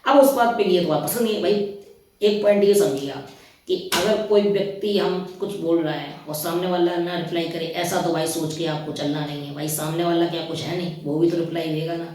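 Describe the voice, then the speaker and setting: A man's voice: a little high, steady tone, fairly quick, darkish tone. A man giving casual, opinionated spoken commentary on a reality show, chatting straight at his listeners. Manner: chatty, opinionated, keeps addressing listeners as brother. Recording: very echoey room, far from the mic.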